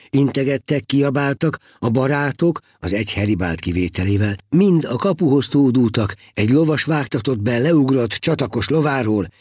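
A man narrating a story in an expressive, dramatic reading style. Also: medium pitch, breathy edge, dry recording. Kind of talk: audiobook storytelling.

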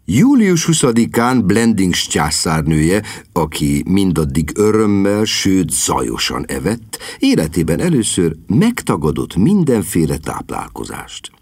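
A man narrating a comic novel as an audiobook, wry and expressive. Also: sits low, slightly rough, dry recording, studio quality. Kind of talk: scripted narration.

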